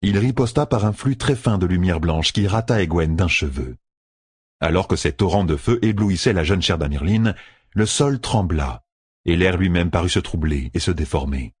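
A man reading a fantasy novel aloud as an audiobook narrator, in a measured, even way. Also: sits low, slightly rough, dry recording.

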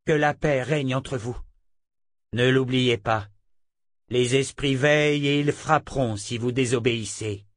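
A man's voice: medium pitch, unhurried, dry recording, close to an everyday voice. A commanding young hero speaks in stern, firm tones, voiced by the male reader. His voice sits in an ordinary middle register. The recording is close and dry.

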